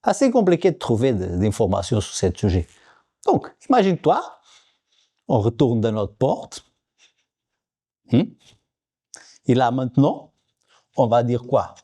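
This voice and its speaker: A man's voice: medium pitch, very animated, unhurried, pauses often, dark tone, husky. A man from Portugal with a Portuguese accent, talking in a casual vlog and repeating words over and over as he teaches them. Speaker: vlogger. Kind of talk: casual language-learning vlog.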